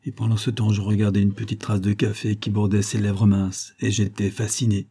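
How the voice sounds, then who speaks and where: A man reading a first-person novel aloud in a measured, wry storytelling manner. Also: on the low side, completely flat delivery, mellow, husky. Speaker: audiobook narrator.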